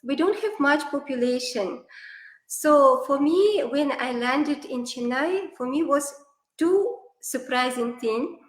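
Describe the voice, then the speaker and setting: In an online interview, a classical dancer from Kazakhstan tells stories as a guest in non-native English with many fillers and a Kazakh accent, Kazakh being her native language. Her voice is high-pitched, animated and slow. The room echoes and the audio quality is poor.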